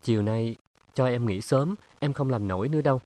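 A man's voice: mid-range voice, fairly quick, warm tone, voice pushed up, close to an everyday voice. A man voicing a stubborn, weary young woman in an audiobook, with firm, defensive retorts. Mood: tired. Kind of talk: audiobook character reading.

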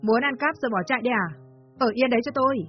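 A woman voicing a shrill, scolding old mother-in-law who shouts accusations. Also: racing, slightly rough. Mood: scornful. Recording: slightly dull lo-fi with faint music.

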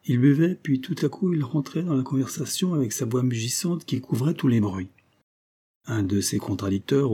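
A man narrating a historical story as an audiobook in a measured, literary reading. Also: mid-range voice, warm tone, slightly rough.

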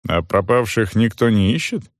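A man's voice: on the low side, animated, moderate pace, no echo, clean studio sound, close to an everyday voice. A man voicing a blunt, commanding wounded soldier who speaks curtly. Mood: stern. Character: gruff wounded male soldier, stern master.

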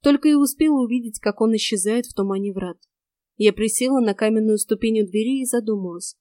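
A woman narrating a first-person fantasy audiobook in a steady, expressive reading. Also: fairly high pitch, brisk, dry recording.

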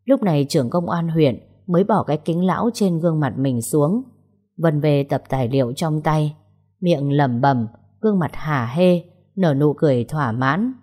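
Low husky woman storyteller. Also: lively intonation, normal speed, mellow. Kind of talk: audio story narration.

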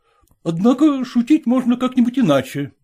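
A man voicing a dignified, formal gentleman who is offended at the card table. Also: very high voice, big pitch swings, normal speed, voice pushed up, full character voice. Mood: indignant. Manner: stiff, indignant, formal. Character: stiff, dignified middle-aged gentleman losing patience.

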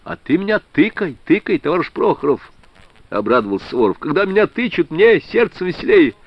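A man voicing an excitable old Siberian village man who talks in rustic, folksy speech and shouts his words out. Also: a little high, fast talker, dry recording, voice pushed up. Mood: cheerful. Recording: dry, slightly dull studio reading.

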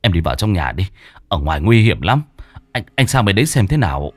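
A man's voice: deep voice, big pitch swings, a little fast, no room sound. A man voicing an urgent, protective young husband, stammering in alarm.

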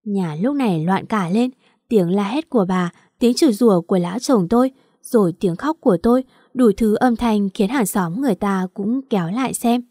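A woman narrating a first-person family drama story in an even reading voice. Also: medium pitch, normal speed, no echo, studio quality.

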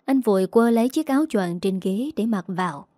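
A woman narrating an audiobook story in a steady, even manner. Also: medium pitch, fairly quick, dry recording, clean studio sound.

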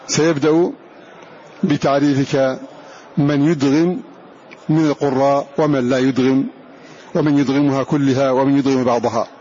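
A man teaching a Quran recitation lesson, who slowly repeats each example phrase and draws out its sounds. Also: fairly high pitch, darkish tone, breathy edge. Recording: dull lo-fi lecture recording with faint hiss.

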